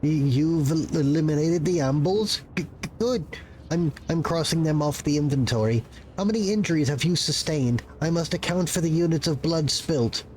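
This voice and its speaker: A man's voice: a little high, moderate pace, darkish tone, slight background noise, lightly acted, rough recording. A man voicing a frantic, guilt-ridden, overworked clerk in a video game, stammering and pleading as he talks. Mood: nervous. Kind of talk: improvised reading of game dialogue.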